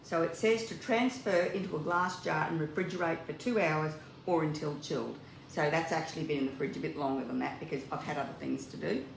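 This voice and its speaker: An older Australian woman hosts a home cooking video, chatting to viewers while she works in her kitchen. Her low, gravelly voice runs fairly quick with hardly any pauses. A distant camera mic catches her in an echoey kitchen with appliance noise.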